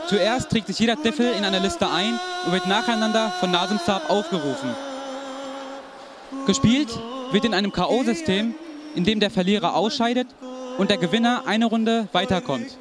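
A young man with a high voice reports formally from a big indoor sports hall through a handheld mic. Crowd chatter carries behind him throughout. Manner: formal, announcer-like, with religious greetings. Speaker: event reporter. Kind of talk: scripted event report and interviews.

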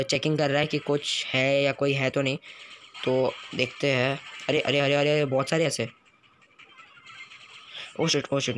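A man giving live commentary over his mobile game, excitable, groaning and shouting at what happens on screen. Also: medium pitch, a little hiss or hum. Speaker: gaming YouTuber.

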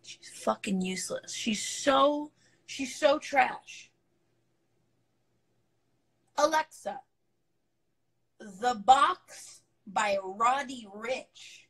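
A young woman in her twenties, her voice a little high, fairly bright and husky, speaks extremely slowly with long pauses. She's livestreaming casually from her apartment on a phone held at arm's length, profane and offhand, laughing in asides, with a stuffy nose, on a low-quality recording.

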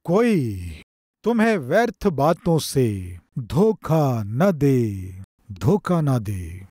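A man in his forties preaching from a stage lectern, slow and emphatic, with repeated phrases and dramatic pauses. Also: mid-range voice, sing-song, mellow, no room sound, studio quality. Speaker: pastor. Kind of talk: sermon. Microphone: podium microphone.

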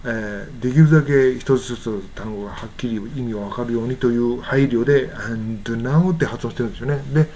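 Slight background noise accompanies the mellow, medium-pitched voice of an older man from Japan. In a relaxed lesson on English pronunciation, he says words slowly and repeatedly so learners can hear their sounds.

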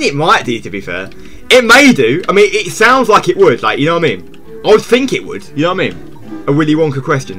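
A man chatting casually to viewers while he streams a game, jumpy and repeating himself. His voice sits a little high and swings widely in pitch. Faint game music plays behind him. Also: bright, forceful tone. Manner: jumpy, repeats himself, yelps when startled. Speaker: live streamer. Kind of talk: casual live gameplay chat.

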